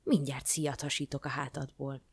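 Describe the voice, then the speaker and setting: A woman reading a storybook aloud, voicing a boastful, fearful old king with a cold who shouts and whines. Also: rumbling low, level tone, creaky, breathy edge, no room sound, full character voice. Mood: furious.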